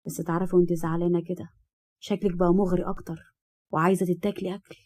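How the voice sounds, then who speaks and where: A woman's voice: fairly low pitch, level tone, rapid-fire, darkish tone, voice pushed down, lightly acted. A woman with an Egyptian accent voicing a jealous, controlling young husband who speaks harshly and threateningly. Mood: teasing. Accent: Egyptian Arabic.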